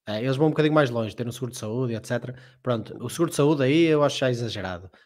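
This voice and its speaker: A man's voice: medium pitch, racing, darkish tone, a little hiss or hum. A man with a European Portuguese accent co-hosting a casual live discussion, giving emphatic, opinionated commentary. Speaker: co-host.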